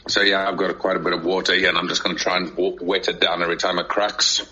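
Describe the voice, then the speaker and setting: Guy hosting an online chat, voice a bit strained n cracky, bright sound, kinda low. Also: quick pace, lo-fi sound. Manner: relaxed, rambling with restarts. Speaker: host. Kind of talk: casual online audio chat.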